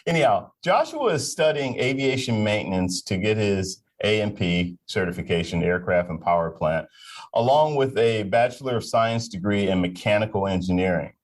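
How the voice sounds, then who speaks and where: A man's voice: on the low side, lively intonation, moderate pace. A man hosting a live aviation talk show, introducing guests in a friendly, joking way. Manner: friendly, jokey, stumbling over names. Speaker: host.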